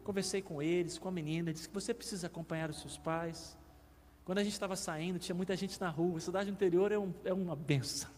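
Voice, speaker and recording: A man's voice: sits high, steady tone, fast talker, a little mellow, long reverb tail. A male pastor with a Brazilian Portuguese accent, telling a testimony in a sermon, with emotional swells. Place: church.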